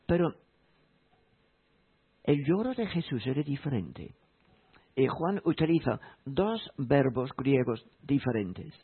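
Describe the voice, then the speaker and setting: Man preaching, slow n gravelly, repeats phrases, sounds like a phone recording. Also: mid-range voice, narrow, tinny audio. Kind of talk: sermon.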